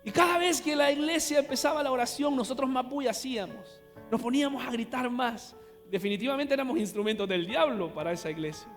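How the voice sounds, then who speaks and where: A man with a Honduran accent preaching a sermon, telling a story and swinging from hushed lines to loud exclamations. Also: extremely high pitch, fast talker. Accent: Honduran Spanish. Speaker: pastor. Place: large church hall. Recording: live church hall reverb with music.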